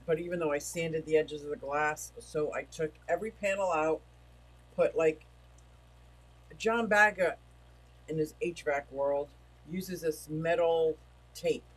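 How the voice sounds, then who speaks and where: Hosting a casual livestream at home, a man rambles, chats, and reads viewers' comments out loud, feeling like he's losing his voice. He talks a little slowly with long pauses, in a slightly high, a bit bright voice, on a low-quality recording.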